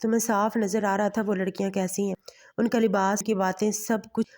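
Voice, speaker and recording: This is a harsh, protective young husband, voiced by a woman reading a romance story. He scolds in short, hard sentences. The voice sits at a middling pitch. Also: level tone, a little mellow, lightly acted. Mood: stern.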